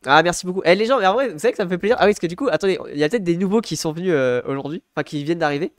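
A man's voice: sits high, lively intonation, very fast, no room sound, studio quality. Rambling young man chatting on a stream. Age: young adult. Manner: rambling, many fillers and self-corrections, laughs often. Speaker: livestreamer and university student. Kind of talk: casual live-stream chat.

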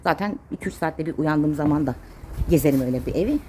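A woman's voice: deep voice, fast talker, darkish tone, slight background noise. A woman vlogging casually as she cleans and gardens, chatting to her viewers, her pets and her plants. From Turkey. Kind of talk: casual chat while doing chores. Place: home and garden.

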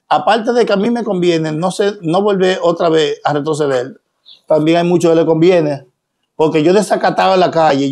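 Dominican guy ranting to his followers, kinda high voice, lots of rhetorical questions. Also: warm tone. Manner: emphatic, preachy, rhetorical questions. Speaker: social media personality. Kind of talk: direct-to-camera monologue.

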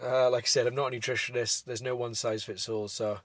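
A young man vlogging about hiking, talking to camera from a parked vehicle in a relaxed, explanatory way with many fillers. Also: medium pitch, fairly quick, no echo. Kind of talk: casual talk to camera.

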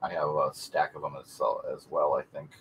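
A man's voice: rumbling low, flat delivery, a little fast, slight background noise. A man hosting a live coin auction, joking and reading bids from chat. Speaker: auction host. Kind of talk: casual live auction banter.

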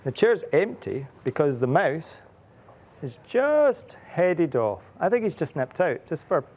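A man's voice: a little high, big pitch swings, a little slow, a little mellow, husky. A middle-aged man, an author reading his picture book aloud to children, playful and full of questions for them.

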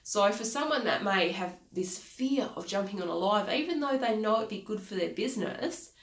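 Expressive and earnest, a woman in her thirties with a medium-pitched but congested, nasal voice gives a motivational talk as a life coach at normal speed. She repeats key phrases and talks with her hands, and her small indoor home office makes the audio echo.

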